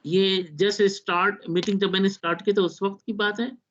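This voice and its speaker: Fast-talking lecturer on a video call. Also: male voice, high-pitched, steady tone, fairly bright tone, a little hiss or hum. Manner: explains step by step, mixing in English technical terms. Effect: heard over a video call. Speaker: university lecturer. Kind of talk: online class lecture. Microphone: laptop on video call. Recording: dull video call audio.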